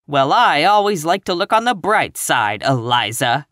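A narrator voicing a plump, timid but cheerful middle-aged woman in a storybook, earnest and gently insistent in her optimism. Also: mid-range voice, big pitch swings, unhurried, no room sound, clean studio sound. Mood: mildly protesting.

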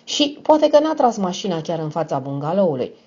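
A woman narrating a crime novel audiobook in a measured, expressive reading. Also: on the low side. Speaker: audiobook reader. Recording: dull lo-fi recording.

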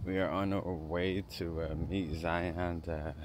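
A man's voice: deep voice, flat delivery, slow pace, noisy background. A man in his thirties chatting casually to his vlog in a laid-back, slangy way, recorded on a handheld phone. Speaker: vlogger and father. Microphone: phone at arm's length.

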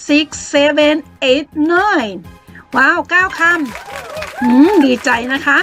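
A woman teaching English to children with a Thai accent, slowly sounding out words syllable by syllable in an encouraging way. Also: sits high, fairly bright tone, faint music behind.

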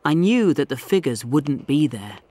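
A man narrating a story slowly and clearly for English learners. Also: fairly high pitch, very animated, warm tone. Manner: slow, deliberate, clearly articulated.

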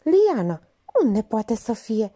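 A woman's voice: on the high side, sing-song, mellow, pitched above the performer's own voice. A woman reading the part of a shaken, flustered woman in her forties. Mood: anxious. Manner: fearful, flustered.

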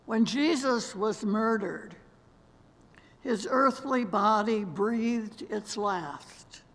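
A woman's voice: mid-range voice, very slow, a bit bright. An older woman reading a solemn meditation and prayer at a lectern in a large church sanctuary. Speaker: worship leader. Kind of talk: slow scripted meditation and prayer. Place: large church sanctuary, seated among robed choir. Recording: long church reverb.

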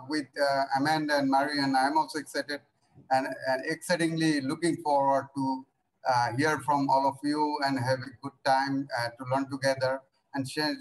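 A middle-aged man from Bangladesh introducing himself as a panelist on a video call, halting and repeating words. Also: medium pitch, poor audio. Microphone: webcam video call.

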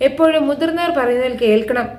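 A woman's voice: sits high, fast talker, a little mellow, lightly acted. Woman reading as a doting, fretful mother. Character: anxious, doting middle-aged mother, loud in grief. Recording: echoey room.

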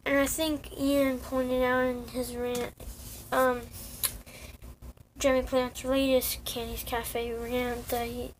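High-pitched young woman, slow halting rant. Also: a bit bright, slight background noise, low-quality recording. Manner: rambling, halting, many fillers and restarts. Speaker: online community vlogger. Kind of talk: casual rant to camera.

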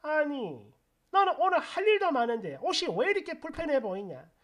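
A woman doing a shrill, bossy mother-in-law. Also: sing-song, moderate pace. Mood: scolding.

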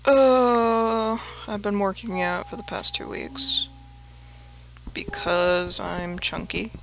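A woman's voice: on the low side, little pitch movement, slow pace, vocal fry, bright, forceful tone, faint music behind. A woman hosting a let's play, chatting casually and mocking herself, swearing freely and dropping into murmured half-whispered asides. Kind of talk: casual gameplay commentary.

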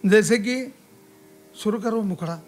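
A man, a tabla player, explaining rhythm theory slowly and deliberately in a played clip. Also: high voice.

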